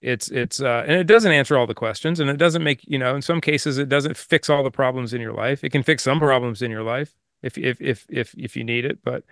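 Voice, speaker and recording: A man co-hosting a podcast, talking casually and reflectively in an earnest, halting way. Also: medium pitch, gravelly, a bit bright, no echo, clean studio sound. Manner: earnest, halting with repeated words. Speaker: podcast co-host.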